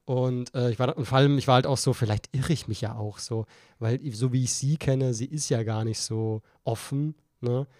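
A young man rambling through a tipsy podcast story, restarting sentences as he goes. His voice is mid-pitched and recorded dry and close, with no room sound. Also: steady tone, normal speed, a little mellow, dry recording. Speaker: podcast co-host. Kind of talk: casual chat.

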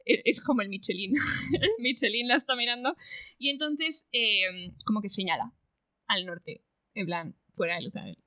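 Bright-voiced woman recapping a book. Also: mid-range voice, animated, normal speed, no room sound, low-quality recording. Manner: retells the plot with acted quotes and laughter. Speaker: podcast co-host. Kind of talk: casual book-club chat.

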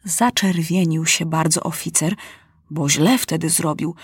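A woman narrating a children's storybook aloud, animated and acting out the characters. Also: low voice, a little slow, slightly rough, no room sound, clean studio sound.

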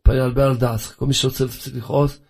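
A man preaches with fervor in a husky, slightly breathy voice. He fires rhetorical questions at his listeners and drives each point home like a teacher lecturing his congregation. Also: mid-range voice, flat delivery, darkish tone. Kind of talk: sermon.

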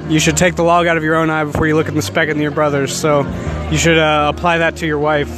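A married man sincerely giving faith-based marriage advice to the newlyweds, speaking haltingly. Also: a little high, flat delivery. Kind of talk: earnest casual advice. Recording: outdoor party with music and crowd.

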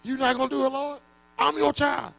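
A pleading, high-voiced Paul, played by a male preacher, begging over and over. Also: level tone, brisk, vocal fry, fairly bright tone, heavily acted. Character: the apostle Paul, desperate, begging.

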